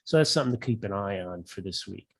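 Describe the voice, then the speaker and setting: A man hosting a casual market commentary show, talking in a rambling, halting way with many fillers and restarts. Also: sits low, lively intonation, gravelly, no room sound.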